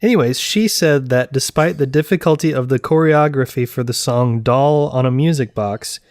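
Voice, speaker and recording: A man co-hosts a chatty podcast about musicals. He talks at an easy, medium pitch and laughs often while joking with his co-host. The recording is dry and close. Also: a little mellow, no echo. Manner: playful, quick to laugh. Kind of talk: casual chat.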